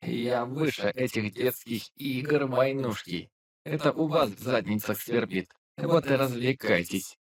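A man voicing a grumpy, sarcastic male robot with a creaky, grating, squeaky voice, drawing out his mocking lines. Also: lightly acted. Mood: sneering. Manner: mocking, drawn-out, condescending. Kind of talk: audiobook narration with character voices.

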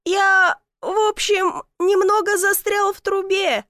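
A woman's voice: extremely high pitch, flat delivery, slow, bright, forceful tone, no room sound, clean studio sound, pitched above the performer's own voice, heavily acted. A woman voicing a clumsy, proud young man who gets stuck and grows flustered, in an audiobook reading.

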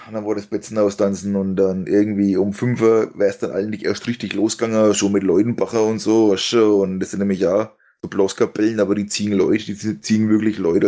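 A man's voice: fairly low pitch, mellow. A young man telling rambling, laughing anecdotes in a casual stream chat. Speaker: stream host telling a story.

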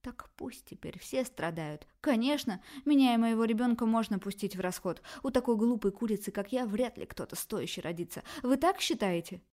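A woman voicing a shrill, spoiled pregnant young woman who shrieks her accusations. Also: expressive, normal speed, darkish tone. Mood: shrill, furious.

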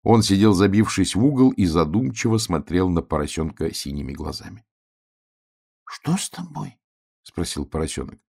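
A man reading a children's tale aloud, soft and expressive. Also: low-pitched, brisk, creaky, hardly any pauses. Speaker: narrator. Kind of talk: storybook reading.

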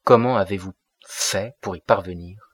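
A man's voice: low-pitched, normal speed, husky, no echo, studio quality. A man reading the part of a kindly old pastor in an audiobook, speaking in a mild, questioning manner. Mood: puzzled. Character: kindly old male village pastor, pipe smoker.

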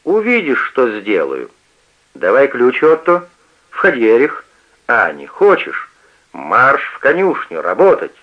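A stern, domineering old father who snaps out his commands, his lively voice pitched a little above the reader's own, as a man reads him. His orders come loud and clipped in a radio play. The sound is dull and lo-fi, as on an old radio recording. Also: a little slow. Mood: commanding. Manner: barking orders.

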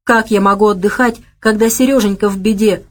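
A woman's voice: mid-range voice, fairly even intonation, brisk, lightly acted. A woman doing a tearful, frightened grandmother. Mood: bewildered.

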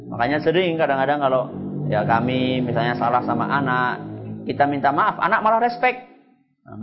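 A man, an Islamic preacher, giving earnest advice in a religious question-and-answer lecture and repeating his key points. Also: fairly high pitch. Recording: dull lo-fi broadcast sound.

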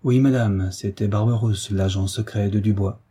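A man voicing a calm, gallant young hero who answers courteously and reassuringly, in an audiobook reading. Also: lowish voice, moderate pace, slightly rough.

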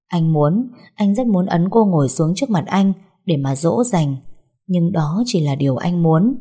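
A woman calmly narrating a romantic drama story. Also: lowish voice, breathy edge. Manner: calm, even storytelling.

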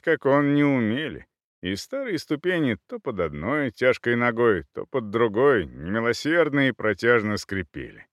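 A man narrating an audiobook with animated delivery, voicing each character. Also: medium pitch, dry recording, studio quality.

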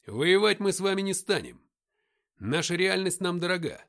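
Reader voicing a cheerful, quick-tempered man who talks loud and high, with a lot of swing; audiobook. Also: exaggerated voice. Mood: indignant. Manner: loud, lively, quick to flare up. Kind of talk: audiobook character voice.

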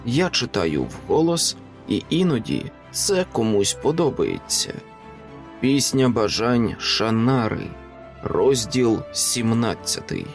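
A man reading a fantasy novel aloud as an audiobook narrator, in a steady, measured storytelling manner. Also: mid-range voice, soft background music. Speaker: audiobook reader.

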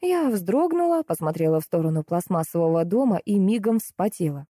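A woman narrating a comic first-person audiobook with a lively, expressive reading. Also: lowish voice, brisk, dry recording, studio quality.

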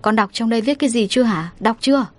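A woman's voice: a little high, quick pace, no room sound, close to an everyday voice. A woman voicing a stern, anxious middle-aged mother who scolds sharply and then turns soothing. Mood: angry.

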